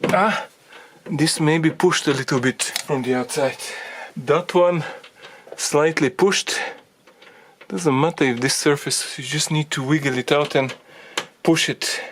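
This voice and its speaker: A man explaining a car repair as he works on it, thinking aloud in halting phrases and getting out of breath from the effort. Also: fairly high pitch, fairly bright tone, a little hiss or hum. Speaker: DIY car repair presenter. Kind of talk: hands-on repair tutorial.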